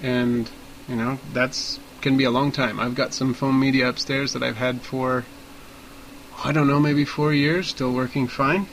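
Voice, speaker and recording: Mid-pitched man hosting a podcast. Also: flat delivery, a little slow, fairly bright tone, a little hiss or hum, rough recording. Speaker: podcast host. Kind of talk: casual explanatory chat.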